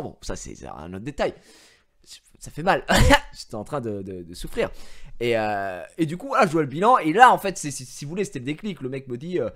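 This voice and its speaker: A man in his thirties, a streamer chatting casually to his viewers, telling stories in an animated way and swearing freely. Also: mid-range voice. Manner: animated storytelling, swears freely, mocks others in raised voice. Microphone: gaming headset.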